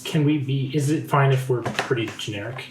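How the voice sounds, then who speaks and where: A man playing a tabletop game, chatting in a relaxed, offhand way. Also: mid-range voice, fairly quick. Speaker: player. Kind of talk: casual chat at a game table. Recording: echoey room with steady noise.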